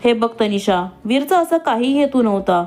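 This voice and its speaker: A woman's voice: on the high side, expressive, moderate pace, darkish tone, soft background music, lightly acted. A woman reading an anxious young wife. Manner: pleading, anxious.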